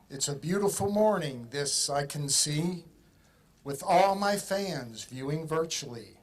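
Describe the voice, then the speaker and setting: A man reading out a formal ceremonial proclamation like a town crier, declamatory and measured. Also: fairly high pitch. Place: outdoor ceremony.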